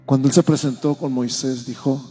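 A man's voice: mid-range voice, fairly even intonation, moderate pace, mellow, husky, soft background music. A man preaching a Sunday sermon as pastor, explaining patiently and building into emphatic repetition during a church service.

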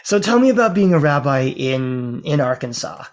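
A man's voice: mid-range voice, big pitch swings, normal speed. A man from the American South, a rabbi himself, interviewing a guest in a conversational way and asking open questions. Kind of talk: casual interview.

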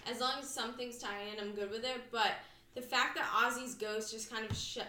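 Bright-voiced woman, roomy off-mic podcast. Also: on the high side, steady tone, a little fast, far from the mic. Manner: rambling, many "you know"s and "like"s, swears casually. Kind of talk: casual podcast chat. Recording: roomy echo, slightly off-mic, faint noise.

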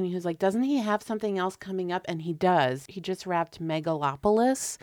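A woman co-hosting a podcast gives blunt, opinionated takes on films. Her voice sits very low for a woman, and the sound is dry and close. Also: a little mellow, clean tone, no room sound. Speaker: podcast co-host. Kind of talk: casual film chat.

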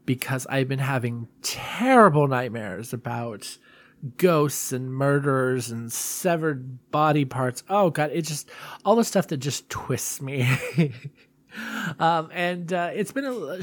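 A man's voice: mid-range voice, dry recording. A man hosting a solo podcast in a casual, confessional way, rambling and self-deprecating. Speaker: podcast host.

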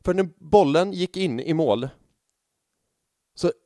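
A man in his thirties chatting casually on a fan podcast, telling stories in an animated way with plenty of swearing. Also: medium pitch, no room sound, clean studio sound. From Sweden. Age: 30s. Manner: animated storytelling with lots of swearing and fillers. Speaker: podcast co-host.

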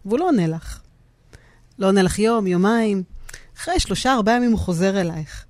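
A middle-aged woman, a guest on a podcast conversation, explaining ideas about forgiveness and decisions by acting out everyday examples in an animated way. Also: mid-range voice, no room sound. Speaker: guest speaker on decision-making.

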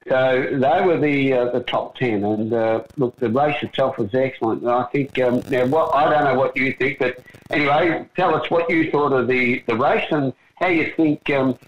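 An Australian man with a mid-pitched voice co-hosts a casual chat. He is matey and hesitant, rambling his way through sentences. The sound is dull and lo-fi. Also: normal speed. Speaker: co-host.

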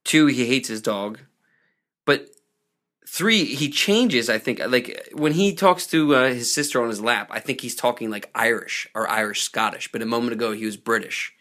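A man hosting a casual podcast, rambling and animated as he recaps a TV episode. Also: mid-range voice. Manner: rambling, animated, does quick impressions of characters. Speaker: podcast host.

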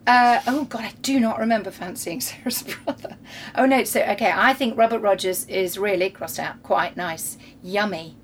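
A woman's voice: medium pitch, moderate pace, a little hiss or hum. A woman, hosting a casual chat and reading her teenage diary aloud with dry, wry asides.

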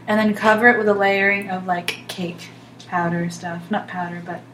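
With a steady, mid-range voice that's fairly bright, this young adult woman speaks at a moderate pace. She's a podcast co-host or guest whose casual chat rambles with offbeat, dry humor, captured in a roomy space with faint noise behind her.

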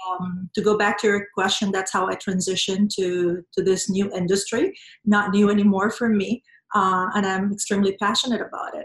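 Speaking as an interview guest, a nonprofit professional with a Venezuelan Spanish accent shares personal stories in a conversational interview. Her middling-pitched voice carries an earnest, reflective tone, and the room is roomy with noticeable echo.

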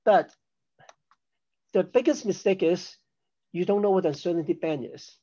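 A man's voice: sits high, moderate pace, dark tone, lo-fi sound. Older man from Hong Kong explaining at length. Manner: chatty and explanatory, self-deprecating with laughs. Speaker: podcast guest, risk assessment expert. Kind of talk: conversational interview.

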